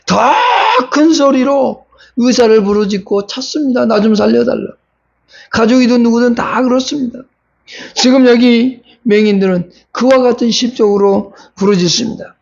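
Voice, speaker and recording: A male pastor preaches with a high-pitched, gravelly voice. He keeps putting rhetorical questions to the congregation and pushes toward urgent pleading. The recording sounds dull and lo-fi. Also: fairly even intonation, normal speed, darkish tone. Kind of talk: sermon.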